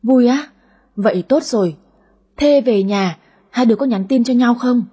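A woman's voice: a little high, normal speed, warm tone, husky, muffled recording. A woman voicing a nagging, fussing middle-aged mother in an audio story. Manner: nagging, complaining.

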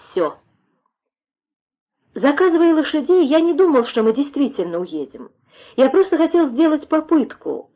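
A woman narrating an audiobook in a measured, even way. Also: a little high. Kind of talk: audiobook reading. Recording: tinny phone-like sound.

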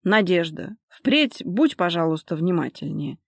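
A woman's voice: lowish voice, big pitch swings, unhurried, gravelly, breathy edge, no echo, studio quality, heavily acted. A woman voicing a stern grown man who speaks in a clipped, controlled way.

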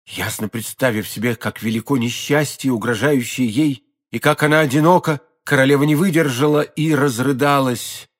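In a mid-range voice, a man narrates an audiobook of a classic novel, his storytelling measured and expressive.

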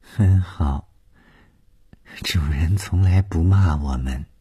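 A man's voice: low-pitched, slow, mellow, husky, heavily acted. A man voicing a timid eighteen-year-old maid who speaks shyly and hesitantly, in a storytelling reading. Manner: shy and hesitant.

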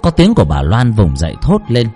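A man's voice: medium pitch, wildly swooping pitch, a little fast, mellow, husky, soft background music. A man narrating a horror story with dramatic, tense delivery.

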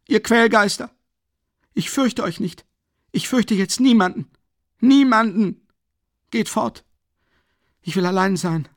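A feverish young student screaming to be left alone. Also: male voice, gravelly, no room sound, studio quality, exaggerated voice. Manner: screaming, frantic and high-strung. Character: distraught young male student, feverish and desperate.

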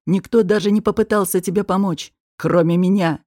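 A woman reading an audiobook voices a domineering, menacing man who talks in a low, slow, mocking, threatening way. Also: steady tone, warm tone, no echo, studio quality, lightly acted.

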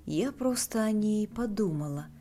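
A woman's voice: medium pitch, animated, a little slow, mellow, soft background music, natural voice. A woman voicing a grieving elderly mother who cries out in wild, hysterical bursts. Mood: frantic.

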